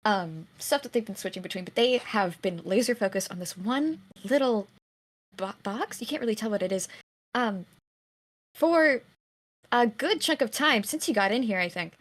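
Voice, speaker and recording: A woman running a tabletop role-play as game master, narrating in a halting way with many fillers. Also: medium pitch.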